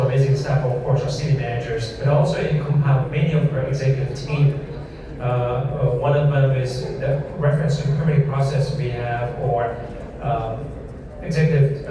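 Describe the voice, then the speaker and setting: A man serving as mayor answers panel questions haltingly, repeating words and phrasing things loosely. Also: mid-range voice. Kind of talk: panel discussion remarks. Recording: long reverb, distant mic, crowd noise.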